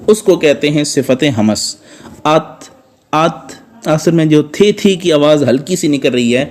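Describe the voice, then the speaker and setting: A man with a somewhat high voice teaches a recitation class. He works step by step and repeats each sound carefully so students can imitate it. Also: a little mellow. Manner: patient, repeats sounds slowly to model pronunciation. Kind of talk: step-by-step tajweed lesson.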